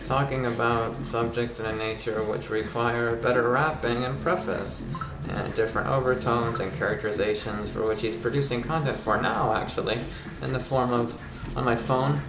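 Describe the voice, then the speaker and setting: A man's voice: mid-range voice, steady tone, normal speed, hardly any pauses. A man chatting casually to his vlog audience, rambling and often repeating himself as he restarts phrases. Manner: refers to himself in third person as grandpa. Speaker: vlog host. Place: sparsely furnished apartment room. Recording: echoey room with background music.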